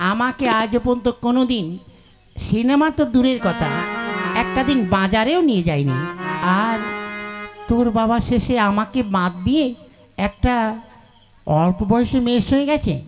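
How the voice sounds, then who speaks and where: Man doing a shrill jealous wife, scolding, puppet show, tabla music. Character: fiery jealous middle-aged housewife and mother. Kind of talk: folk puppet-show voicing. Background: tabla and folk music.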